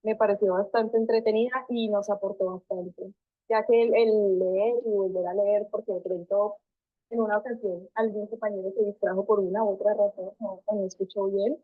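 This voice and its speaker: A woman's voice: mid-range voice, steady tone, normal speed, no echo. A young woman student answering interview questions thoughtfully, hesitating with many fillers. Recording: tinny phone-like call audio.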